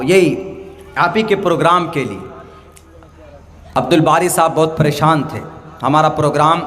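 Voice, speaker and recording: A man from India preaching a religious talk, telling stories with acted dialogue and speaking slow, deliberate English phrases. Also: fairly high pitch, fairly bright tone, long reverb tail. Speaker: Islamic preacher. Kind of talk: public religious speech.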